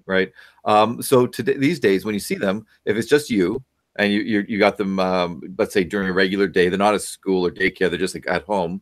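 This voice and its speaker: Over a video call from his home office, a middle-aged parenting expert guest gives advice in a lecturing way. He asks a lot of questions and uses many fillers. His voice sits low and stays steady, and his pace is fairly quick.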